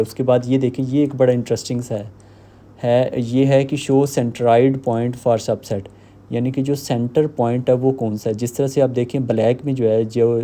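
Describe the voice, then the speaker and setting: Flat, very dark-voiced man. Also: medium pitch. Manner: steady step-by-step explaining with filler pauses. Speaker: software tutorial host. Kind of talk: screen-recorded software walkthrough.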